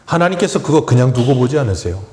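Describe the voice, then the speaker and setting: A man's voice: mid-range voice, big pitch swings, fast, mellow. A male pastor preaching a sermon in a church, asking the congregation rhetorical questions and briefly acting out mocking voices. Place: church sanctuary. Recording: echoey church room.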